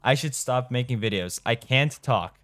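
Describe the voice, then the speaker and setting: Medium-pitched and fairly bright, this young man talks at a normal speed with no echo and soft background music. A game streamer from Romania with a Romanian accent, he chats casually with viewers mid-play, reads chat aloud, and occasionally fumbles his words.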